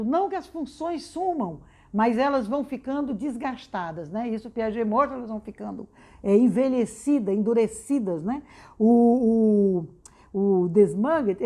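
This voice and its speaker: A woman's voice: a little high, mellow. A Brazilian woman explaining research in an informal educational talk, who ends almost every phrase with a tag question and often restarts and repeats words. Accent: Brazilian Portuguese.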